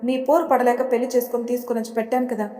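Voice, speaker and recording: A woman voicing a rough-tempered young man in a storybook tale, who talks in a curt, defiant way. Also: fairly high pitch, level tone, rapid-fire, warm tone, close to an everyday voice. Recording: long hall reverb.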